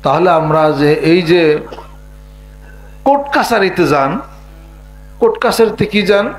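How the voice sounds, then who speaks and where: A man preaching a sermon in a humorous way, imitating village speech and singing verses slowly. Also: high-pitched, soft background music, poor audio. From Bangladesh. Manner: humorous, mimics rural dialect, sings verses slowly. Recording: faint mains hum.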